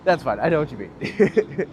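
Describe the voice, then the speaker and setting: A tour guide in his thirties, speaking with a Northern Ontario accent, chats and laughs with viewers in a casual livestream of his walk along a city street. He has a fairly high, slightly mellow voice with big pitch swings and a somewhat slow delivery. Street traffic is faintly audible.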